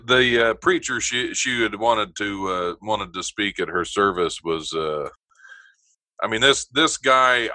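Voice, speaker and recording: A man chatting on a radio talk show in a relaxed, storytelling way and laughing easily. His voice is fairly low yet bright and forceful. The sound is dry and close, with no room echo. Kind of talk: casual chat.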